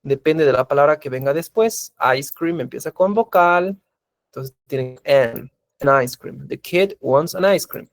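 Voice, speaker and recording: A man's voice: a little high, expressive, unhurried, gravelly, no room sound. A man teaching an English class, patiently repeating examples and asking his students questions. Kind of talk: recorded class lecture in Spanish.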